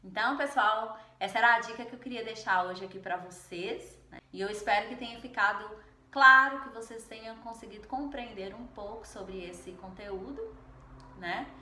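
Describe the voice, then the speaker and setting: A woman's voice: medium pitch, moderate pace, sharp tone, reverberant. A Portuguese-speaking woman teaching a Spanish lesson, explaining patiently and often adding "né?" to check in with her students. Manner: explanatory, frequent "né?" tag questions. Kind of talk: online language lesson.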